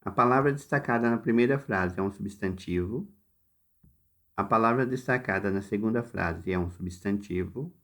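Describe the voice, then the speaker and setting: A man with a Brazilian Portuguese accent teaching a recorded lesson, explaining exercises slowly and step by step, directly addressing his students. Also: on the low side, fairly bright tone. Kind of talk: recorded lesson walking through workbook exercises.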